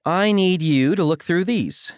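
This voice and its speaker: A male narrator voicing a brisk, direct businesswoman speaking to her twin brother. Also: high voice, no room sound, studio quality, pitched above the performer's own voice.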